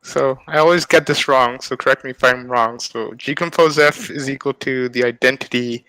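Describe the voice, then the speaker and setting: A young adult guest speaker, a male math student, explains concepts casually on a video call mic, full of hedges and frequent "right?" check-ins. He speaks at medium pitch and a moderate pace in a bright, forceful tone, and the recording is dry and low quality.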